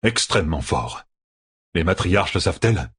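A man's voice: deep voice, husky, heavily acted. Man doing a stoic, grave warrior. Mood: solemn. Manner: calm, measured, solemn.

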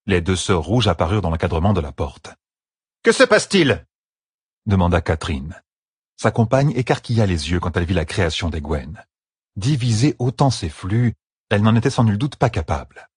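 Audiobook: husky male narrator, lively intonation, dry close sound. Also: low-pitched, no room sound. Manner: measured, expressive reading. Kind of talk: scripted fantasy narration.

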